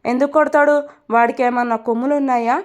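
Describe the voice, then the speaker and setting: A woman's voice: on the high side, fairly even intonation, fast, a little mellow, lo-fi sound, close to an everyday voice. A woman playing a fiery, loyal young assistant. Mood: indignant. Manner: protective, indignant.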